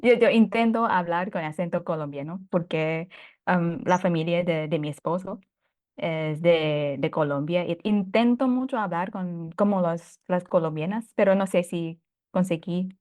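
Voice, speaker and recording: Lower-pitched woman hosting a casual chat. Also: measured pace, darkish tone. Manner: hesitant, repeats words and checks in. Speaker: host and language learner. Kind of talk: casual conversational interviewing.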